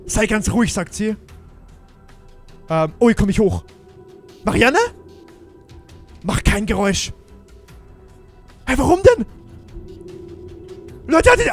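A man giving jumpy, exclaiming commentary on a Minecraft role-play adventure, talking straight to his viewers. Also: very high-pitched. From Germany. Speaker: gaming YouTuber.

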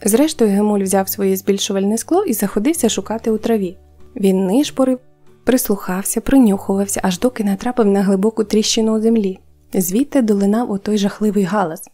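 Mellow-voiced woman narrating a fairy tale. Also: mid-range voice, a little fast. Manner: even, storytelling. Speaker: audiobook narrator. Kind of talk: scripted narration of a children's tale. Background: faint music.

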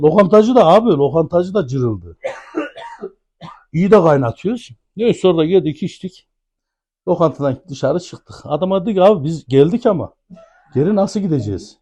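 A man's voice: on the high side, warm tone. A man with an Ankara accent telling a funny anecdote, animatedly acting out the dialogue. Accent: Ankara Turkish. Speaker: storyteller guest.

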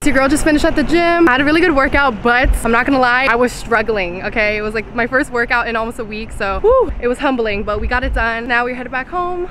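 A woman's voice: on the high side, fast talker, few pauses, noisy background. A woman in her twenties talking casually to camera in a vlog from her apartment, chatty and sentimental, laughing often. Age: 20s. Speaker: lifestyle vlogger.

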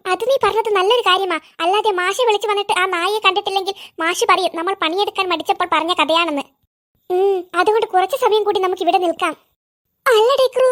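A woman voicing chattering, curious young schoolboys in a cartoon, with quick excited kid talk. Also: very high voice.

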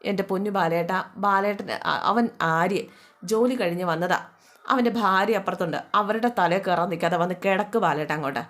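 A woman voicing a blunt, sharp-tongued middle-aged wife who argues back at her husband. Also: medium pitch, brisk, natural voice. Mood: exasperated. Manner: blunt, sharp, pleading then scolding.

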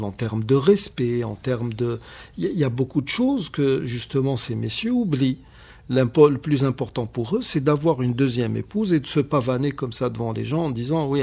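Gravelly, husky-voiced radio host. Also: male voice, mid-range voice, a little mellow. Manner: measured, emphatic, firm rebuttals, many repetitions. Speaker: radio show host on Islam. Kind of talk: explanatory radio discussion.

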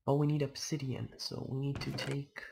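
Hushed, creaky young man gaming quietly. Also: mid-range voice, little pitch movement. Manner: speaking quietly at night, hushed so as not to wake others; halting, rambling. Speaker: gaming video host. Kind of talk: casual game commentary. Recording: noisy home microphone recording.

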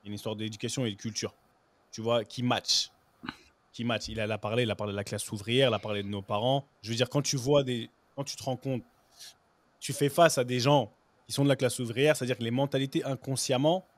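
A man, a former pro footballer, guest on a casual chat show, telling lively anecdotes full of "you know" fillers and stray English words. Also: medium pitch, quick pace, no echo.

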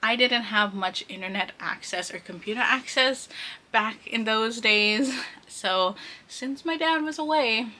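A fairly high, sharp-toned woman speaks a little slowly in this casual vlog. In her thirties, she chats in a rambling, informal manner, frequently dropping "like."

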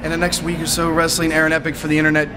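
A man in his twenties giving a wrestling promo interview as a wrestler, speaking haltingly and stumbling over words. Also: a little high, completely flat delivery, a crowd in the background. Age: 20s. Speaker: professional wrestler being interviewed. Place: large dim indoor hall with pool tables. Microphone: handheld camera at close range.

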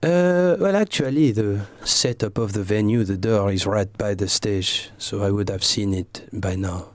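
A man playing an aloof, pompous French gentleman, speaking with a French accent in a deadpan, languid way. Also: fairly low pitch, a little slow, lightly acted. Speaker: comedian guest. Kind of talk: in-character comic interview.

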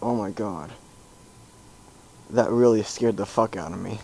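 A young gamer comments on a horror game as he plays, jumpy and swearing, breaking into panicked outbursts. His voice is fairly low, creaky, husky, and darkish, and he speaks unhurriedly. The rough recording comes through headphones and a desk mic.

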